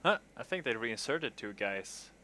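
A man's voice: medium pitch, sing-song, measured pace, sharp tone, a little hiss or hum. A man talking as aircrew in a military game, mixing clipped radio procedure with casual chat. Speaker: military sim gunner on aircraft crew.

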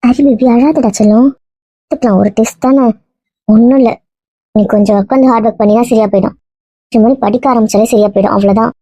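A woman playing a quick, soothing young friend. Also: mid-range voice, fairly even intonation, mellow, dry recording, close to an everyday voice. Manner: soothing, coaxing. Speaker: actor. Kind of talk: web series drama acting.

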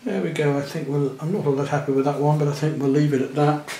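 A man, gently talking through a watercolour demonstration as he paints, thinking aloud in a chatty way. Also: a little high, fairly even intonation, quick pace, echoey room, a little hiss or hum. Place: indoor studio at the easel.

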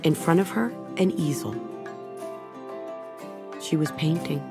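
In a recording studio, a middle-aged audiobook narrator whose voice sits low tells a children's storybook gently and at a measured pace. Her voice softens and dips in volume during tender passages, captured by a close studio mic over background music.

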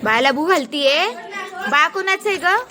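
A woman's voice: high-pitched, animated, normal speed. A young woman, a mother filming her small children, coaxing them with playful, repeated questions in a casual family vlog.

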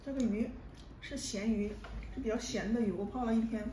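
A woman's voice: on the high side, a little fast, warm tone, roomy sound, recorded from a distance, low-quality recording. A woman in her thirties chats casually at the dinner table, chewing while she talks. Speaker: vlogger and mother chatting with her child. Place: home dining room, indoors. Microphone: camera across the table. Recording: faint background noise.

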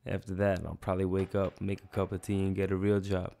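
A man's voice: sits low, completely flat delivery, quick pace, creaky, mellow. A man in a short film, trading sardonic, profane banter and narrating in voice-over.

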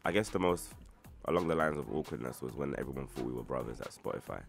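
Very deep-voiced East London man. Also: lively intonation, fast, vocal fry, faint music behind. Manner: laid-back storytelling with slang. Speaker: rapper guest. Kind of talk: casual interview chat.

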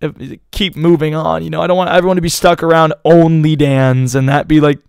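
A young male streamer with a somewhat high, smooth, clear voice that sounds a little worn out. He rambles loosely and slangily straight to his chat. The sound is close and dry, with no room around it. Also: flat delivery, fairly quick, no echo. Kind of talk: casual live-stream chat.

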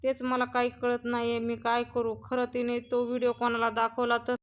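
A woman's voice: fairly high pitch, completely flat delivery, a little fast, lightly acted. A woman reading as a spiteful young villainess. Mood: panicked.

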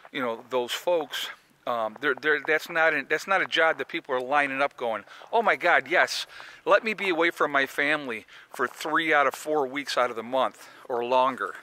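A man's voice: mid-range voice, bright, forceful tone, slight background noise. Rambling man vlogging on a snowy walk. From United States. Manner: earnest, rambling, addresses viewers as folks. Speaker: prepping vlogger. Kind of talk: casual vlog monologue. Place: outdoors on a snowy rural property. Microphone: phone camera held at arm's length while walking.

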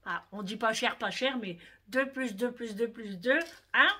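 Slow, chatty woman showing her shopping. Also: a little high, sharp tone, husky. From France. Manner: chatty, talks straight to viewers, fond of "hein". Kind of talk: casual haul vlog.

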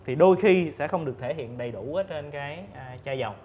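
A man in his thirties with a fairly high voice explains things patiently and in order, pausing often to fill gaps. He talks on a lapel mic in a studio, with a faint hum behind him. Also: lively intonation, a little mellow. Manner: measured, explains step by step with many fillers. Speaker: lubricant expert guest. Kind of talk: explanatory panel talk. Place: indoor TV studio set.

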